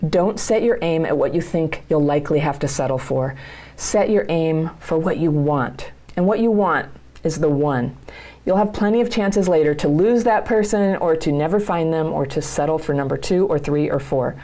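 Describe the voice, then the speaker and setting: A middle-aged woman with a low voice, talking straight to her viewers about their lives. Her tone is dark and mellow, with a gravelly edge. She speaks as a coach, earnest and plain-spoken. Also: moderate pace. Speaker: channel host and coach. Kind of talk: direct-to-camera advice talk.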